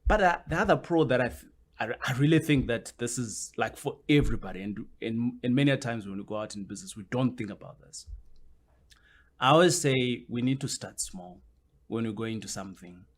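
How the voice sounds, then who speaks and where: A man's voice: mid-range voice, brisk. A man, a guest on a podcast interview, explaining his points at length and often circling back with "which basically means".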